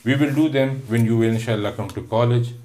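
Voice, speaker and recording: A patient man with a mellow, mid-range voice teaches an English lesson in a recorded online class. He repeats himself, explains word by word with plenty of "uh" fillers, and draws out syllables when demonstrating pronunciation.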